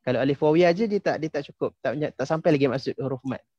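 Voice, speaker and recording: Mellow man teaching online. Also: a little high, quick pace, no echo, dull audio. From Malaysia. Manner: patient, quizzes students, many fillers like ha and okey. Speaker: tajwid teacher. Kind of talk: casual online class instruction.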